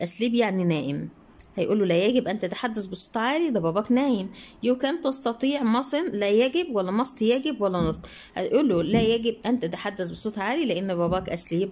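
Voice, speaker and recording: A young woman with an Egyptian Arabic accent, teaching English grammar and answering workbook questions. She reads English sentences slowly, then explains them fast and keeps asking her students rhetorical questions. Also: medium pitch, darkish tone.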